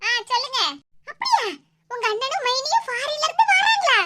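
A woman voicing a loud, cheeky young wife in an animated cartoon, speaking with a Kanyakumari Tamil accent in a playful manner. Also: very high-pitched, brisk, very noisy.

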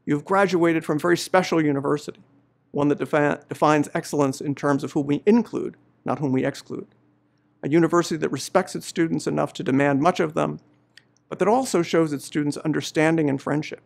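A middle-aged man, a law professor, giving a measured, earnest commencement address on behalf of the faculty. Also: a little high, steady tone, creaky. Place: indoor studio before a university banner.

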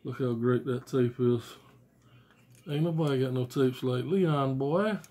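Here a fortysomething American man, a music fan doing album reviews on video, chats unscripted to camera from a small room at home, blunt and slangy and swearing. His mid-range voice is a little slow with a dark tone. It's a noisy recording with clicks, made on a phone or tablet at arm's length.

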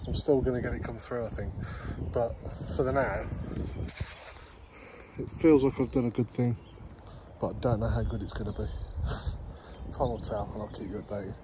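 At normal speed, with medium pitch and fairly even intonation, a man in his thirties rambles through a casual, self-deprecating vlog at an outdoor allotment, dropping plenty of ums. A phone camera close to him picks up outdoor noise in the background.

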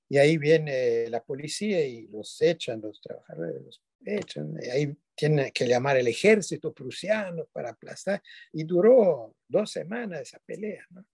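An older man, not a native Spanish speaker, gives an online lecture over a webcam from a dim room at home, digressing and often correcting himself with tag questions. His voice is on the high side, gravelly and slightly rough with a darkish tone, and the recording is dry and studio quality.

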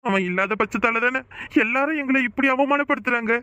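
A man's voice: extremely high pitch, quick pace, pushed and bright, no room sound. A man voicing a poor village cowherd who pleads and wails in a cartoon. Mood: lamenting. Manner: pleading, wailing. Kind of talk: cartoon voice acting.

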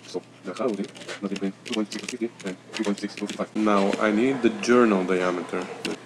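With a lowish voice, a home mechanic narrates a workshop tutorial on engine measurements, methodically working the numbers with pauses and fillers while faint ambient garage noise sits behind him.

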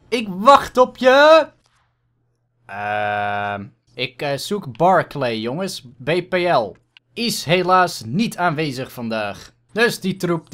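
A high-voiced man with a Dutch accent talks over his gameplay, his pitch leaping all over the place. He swears freely and throws in English exclamations while staying excitable throughout. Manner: excitable, frequent swearing and frustrated outbursts. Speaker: gaming YouTuber. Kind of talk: casual gameplay commentary.

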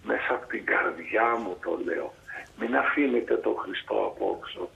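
Gravelly priest on a tinny phone line. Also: male voice, heavy background noise. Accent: Greek. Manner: animated, jumps to high pitch for emphasis. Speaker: Orthodox priest, guest by phone. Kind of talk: warm storytelling on a phone call. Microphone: telephone line.

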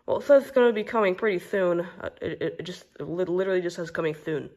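A woman's voice: lowish voice, fast, darkish tone, pitched below the performer's own voice. A woman voicing Sylvester, a stingy male caretaker in a plush toy video, who grumbles and stammers a lot. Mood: grumbling.

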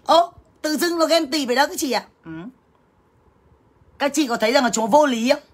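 A woman with a high-pitched voice rants angrily to her livestream viewers at a moderate pace. Blunt and combative, she swears and scolds them straight on, treating them as sisters.

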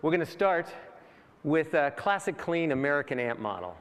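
A man's voice: on the high side, sing-song, normal speed. A man giving a rehearsed product demo on a keynote stage, speaking steadily. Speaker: guest presenter. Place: large conference hall stage. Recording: large hall reverb.

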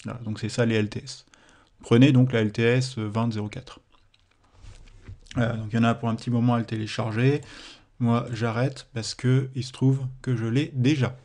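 A man's voice: medium pitch, steady tone, normal speed, a little mellow. A man with a French accent, explaining a computing exercise in a screen-recorded tutorial, with hesitations and self-corrections. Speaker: teacher.

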